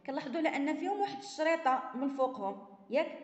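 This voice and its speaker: A Moroccan woman teaching a primary-school French lesson. She reads French slowly and explains it in Moroccan Arabic. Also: sits high, expressive, echoey room, in a large hall, dull audio. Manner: reads French sentences slowly, then explains them quickly in Darija.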